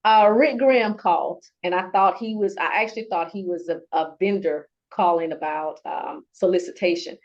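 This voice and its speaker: A woman's voice: fairly low pitch, steady tone. Earnest woman on a dull lo-fi recording. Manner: earnest and heartfelt, halting. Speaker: award-winning procurement professional, guest. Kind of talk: conversational interview. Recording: dull lo-fi sound.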